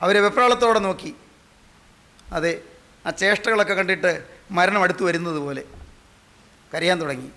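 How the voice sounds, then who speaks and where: An older man with a Malayali accent preaching a sermon, asking rhetorical questions, repeating phrases and dropping to a hushed voice to tell a story. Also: high voice, normal speed, pauses often.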